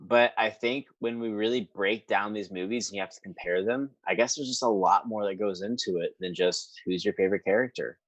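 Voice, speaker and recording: A man co-hosting a casual podcast debate, measured and thoughtful in his reasoning. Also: on the low side, no echo. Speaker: podcast co-host. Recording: dull lo-fi mic.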